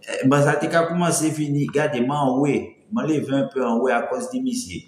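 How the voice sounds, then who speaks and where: A man's voice: medium pitch, steady tone, fairly quick. A man from the Antilles, chatting casually on a live stream, his light voice cracking when he pushes it, rambling and greeting viewers one by one. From French Antilles. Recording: roomy echo.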